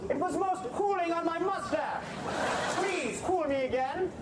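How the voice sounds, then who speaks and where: A very high, theatrical voice of a pompous nineteenth-century ballplayer, scolding in flowery language. Heavy audience laughter and crowd noise surround him in this TV sketch clip. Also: male voice, measured pace. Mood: indignant. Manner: theatrical, old-fashioned florid insults. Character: pompous old-time male baseball player, indignant and florid.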